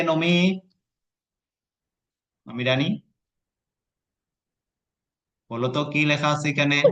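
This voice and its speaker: A man's voice: medium pitch, a bit bright. A man teaching an online lesson, patiently coaxing his student and breaking words into syllables.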